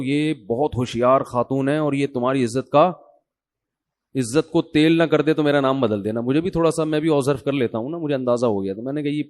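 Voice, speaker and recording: A middle-aged Pakistani man giving a conversational religious talk, telling cases and getting emphatic as he makes his points. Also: medium pitch. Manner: conversational, storytelling, acts out quoted voices; grows emphatic and louder when making a point. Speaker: religious scholar. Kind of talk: informal Urdu religious talk to an audience.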